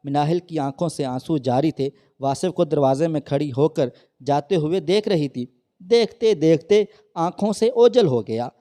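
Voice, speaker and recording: Mournful male storyteller, mellow tone. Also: on the high side. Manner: emotive, slow and mournful. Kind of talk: dramatic story narration.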